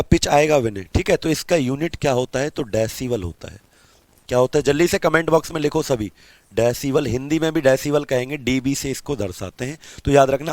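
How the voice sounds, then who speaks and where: A man teaches a live online physics lesson at a middle pitch, recorded close and dry with no room sound. He asks a question, then answers it himself. He slows right down when he dictates notes. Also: a little mellow, no echo. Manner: repeats questions and answers them himself, calls students beta.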